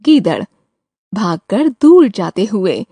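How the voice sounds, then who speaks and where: Woman reading stage directions slowly. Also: mid-range voice, big pitch swings, warm tone, slightly rough, dry recording. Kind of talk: scripted narration.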